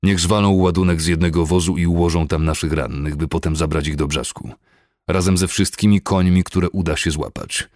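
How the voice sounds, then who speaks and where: A man's voice: low voice, brisk, darkish tone, no echo, clean studio sound. A man voicing a furious, cold and violent cavalry colonel who barks curt orders and erupts into roars. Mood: curt commanding.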